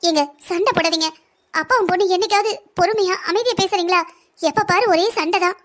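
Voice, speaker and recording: A woman's voice: very high voice, a little fast, a bit bright. A woman voicing a worried middle-aged mother in a family cartoon, pleading with and soothing her husband and daughter. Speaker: mother of the heroine. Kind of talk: Tamil cartoon voice acting.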